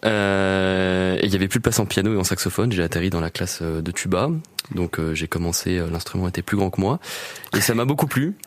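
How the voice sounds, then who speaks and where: A young man from Normandy, a guest musician chatting casually in a radio interview, relaxed with lots of fillers. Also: low voice, fairly quick, no room sound. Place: radio studio.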